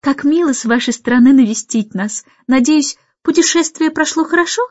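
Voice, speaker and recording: Gushing mother of the house, high and eager to please, played by the narrator. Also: moderate pace, a little mellow, dry recording, highs cut off, close to an everyday voice.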